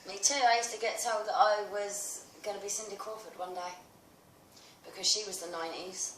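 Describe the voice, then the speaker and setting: A woman's voice: medium pitch, steady tone, a little fast, fairly bright tone, roomy sound, recorded from a distance, slight background noise, low-quality recording. Blunt, teasing British woman. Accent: British English. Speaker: podcast co-host. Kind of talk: casual chat.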